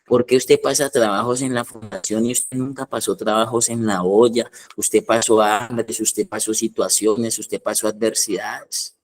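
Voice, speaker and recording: A man's voice: lowish voice, fairly even intonation, measured pace, few pauses. A man preaching a colloquial, emphatic sermon as head of a rehab foundation, hammering points through repetition.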